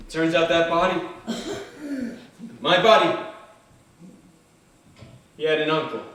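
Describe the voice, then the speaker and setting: A man performs a one-man stage monologue in a slightly high voice. He tells his story dramatically, with a dry, wry humour. The sound is heavily echoing and picked up some way from the microphone. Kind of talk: theatrical first-person monologue. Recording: very echoey stage, distant microphone.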